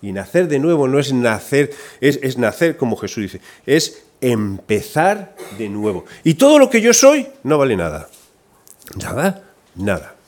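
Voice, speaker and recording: A man's voice: mid-range voice, unhurried. A man with a Spain Spanish accent preaching a sermon, telling a story and acting out its voices with energy. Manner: lively, acts out the voices in his story.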